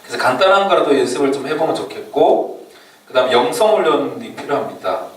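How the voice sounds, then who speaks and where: A man giving an informal orientation lecture to church youth before a mission trip, chatty and quick to laugh. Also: mid-range voice, lively intonation. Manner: chatty, laughs often, leans on fillers while explaining. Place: church meeting room or hall. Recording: echoey hall from far off, faint room noise.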